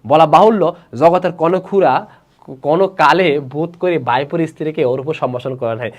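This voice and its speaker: A man's voice: a little high, normal speed, highs cut off. Bangladeshi man teaching a literature lesson. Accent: Bangladeshi Bengali. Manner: reads story lines aloud then explains them in colloquial speech, asks students questions. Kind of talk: Bengali literature class lecture.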